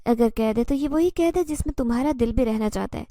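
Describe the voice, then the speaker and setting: A woman's voice: on the high side, dark tone, dry recording, studio quality, natural voice. A woman voicing an obsessive, possessive male jinn who speaks intensely and insistently in a horror story.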